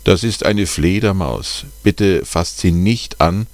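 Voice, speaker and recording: Man reading a calm cautious dad, low voice, close dry sound. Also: slow, no echo. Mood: reassuring.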